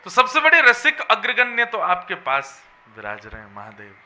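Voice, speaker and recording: Bright high-voiced man preaching. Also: wildly swooping pitch, normal speed. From Vrindavan region. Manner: emphatic, melodic preaching. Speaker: religious storyteller. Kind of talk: devotional sermon.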